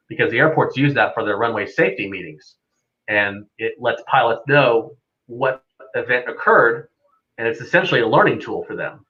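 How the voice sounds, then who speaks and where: A man's mid-range voice comes through with a sharp tone and cut-off highs. He's a guest air traffic controller on a live stream, offering a casual, unscripted explanation peppered with stories in an easygoing manner.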